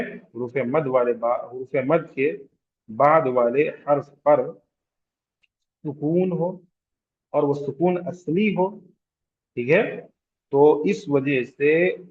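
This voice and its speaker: A man teaching Quranic recitation rules in a slow classroom lecture with a Hyderabadi Urdu accent, repeating terms, asking the class questions and drawing out vowels to show their length. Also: medium pitch, lo-fi sound. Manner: draws out vowels to demonstrate elongation. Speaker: tajweed teacher.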